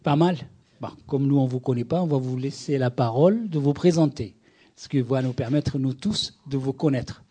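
A middle-aged man who directs an association facilitates a workshop, leading a group discussion and asking many encouraging questions. His voice is medium-pitched, warm, and slightly rough, at a moderate pace.

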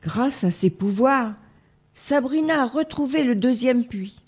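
A woman reads a children's fairy tale in a slow, gentle way. Her voice is slightly high and husky. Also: lively intonation. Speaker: storyteller. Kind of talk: reading a children's tale aloud.

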